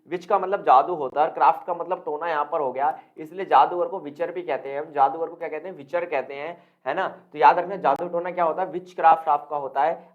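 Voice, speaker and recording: Man teaching words over tinny phone-like audio. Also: a little high. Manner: keeps quizzing the viewer with repeated questions. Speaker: spoken English teacher. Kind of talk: online vocabulary lesson.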